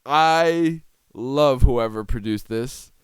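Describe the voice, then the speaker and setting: A man's voice: medium pitch, slow pace, smooth, dry recording. A man hosting a podcast, giving sarcastic, rambling comedic commentary on a TV clip and laughing often. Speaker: podcast host.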